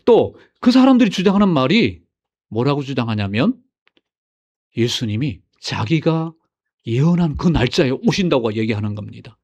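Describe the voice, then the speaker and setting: A man preaching a sermon as senior pastor, swinging between loud exclamations and hushed asides and putting questions to his congregation. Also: mid-range voice, big pitch swings, normal speed, highs cut off.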